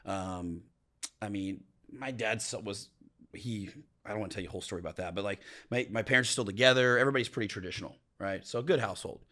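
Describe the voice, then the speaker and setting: A man from Oklahoma telling his life story as a podcast guest in a relaxed, rambling way, full of fillers. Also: on the low side, quick pace. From Oklahoma, USA. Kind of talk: casual storytelling interview.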